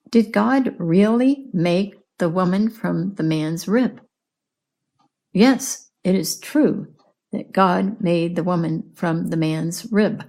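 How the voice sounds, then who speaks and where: A woman teaching English in a slow, clear lesson, patiently asking questions and repeating answers. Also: lowish voice, a little mellow. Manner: patient, repeats and explains words.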